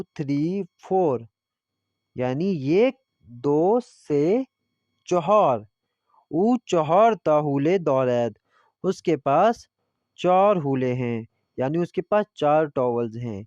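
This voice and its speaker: A man's voice: on the high side, darkish tone, no echo. Man teaching Persian, muffled recording. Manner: reads Persian phrases slowly, then explains them in Urdu. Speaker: language teacher. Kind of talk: classroom lesson explanation.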